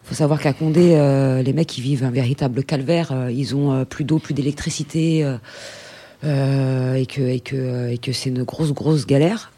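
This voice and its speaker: A man from France with a mid-pitched, mellow voice on a casual talk radio show. He often pauses on fillers while making his points. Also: fairly even intonation. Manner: hesitant, with many fillers. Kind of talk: casual political discussion.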